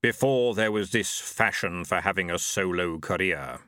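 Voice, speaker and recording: A man voicing Death, a grave skeletal figure who speaks slowly and deliberately. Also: sharp tone, dry recording, clean studio sound. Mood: wry. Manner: deep, slow, measured. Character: Death, a grave, slow-spoken male skeleton.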